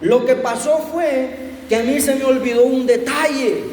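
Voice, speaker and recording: A man's voice: very high-pitched, moderate pace, darkish tone. A man preaching plays a stubborn, proud owner who insists his donkey is a horse. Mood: aggrieved. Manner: insistent, stubbornly sure of himself. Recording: echoey hall, faint room noise.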